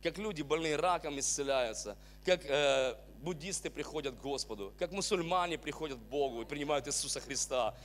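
A man's voice: on the high side, a little fast, hardly any pauses, fairly bright tone, a little hiss or hum. A man in his thirties on a church stage with a handheld mic, welcoming the congregation and urging them with fervent exhortation. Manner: fervent, exclaiming praise, then earnest exhortation. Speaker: worship leader and church host. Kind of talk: worship leading and sermon-style welcome. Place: large church hall stage with band.

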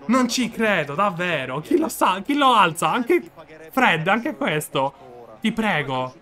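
A man giving excited live commentary on his own football video game match, shouting and repeating himself in disbelief. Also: high-pitched, slow pace. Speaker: gaming video creator.

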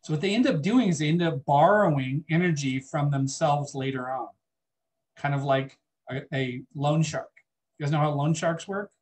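A man with a slightly high voice and moderate pace teaches biology to a classroom. He is conversational, chatting with the class and asking students questions.

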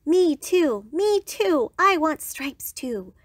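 Copycat iguana, young and female, eager and squealing; a woman reader voices her, high, lively storybook voice. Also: unhurried, dry recording, studio quality, exaggerated voice. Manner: excited, squealing repeated cries.

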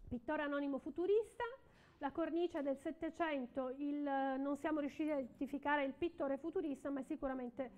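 High-pitched woman auctioneer, repetitive bid calling. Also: steady tone, fairly quick, a little mellow. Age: middle-aged. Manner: repeats bids and counts in short phrases. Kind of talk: live art auction, calling lots and bids. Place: indoor auction room, at a podium.

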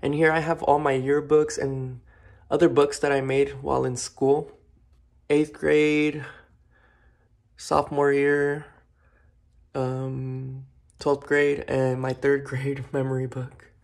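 A young man in his twenties walks viewers through his house in a slow, flat, creaky mid-range voice, pausing often. His casual vlog chatter is loose and full of fillers, captured on a handheld phone indoors.

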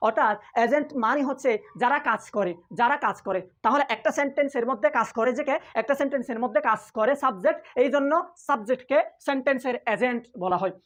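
Fast-talking woman, high voice, grammar teacher going over each rule again and again, asking quiz questions. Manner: repeats key points and asks the listener rhetorical questions. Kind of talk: spoken grammar lesson.

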